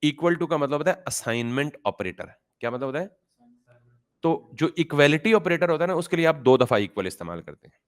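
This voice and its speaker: A man's voice: on the high side, expressive, fairly quick. A man teaching a beginner coding class. He explains with everyday examples, mixes in English terms, and keeps asking his students questions and answering them himself. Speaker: programming teacher. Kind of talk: classroom-style coding lesson.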